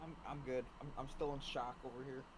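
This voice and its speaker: A man's voice: mid-range voice, steady tone, brisk. A man playing a tabletop game, playful and laughing with the table. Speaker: player. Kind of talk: tabletop role-play banter. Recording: noisy background.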